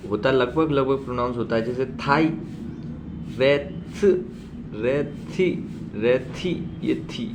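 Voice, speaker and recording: A man teaching a shorthand class, slowly repeating example words loudly and reassuring his learners. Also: medium pitch, background noise. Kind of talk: classroom lesson.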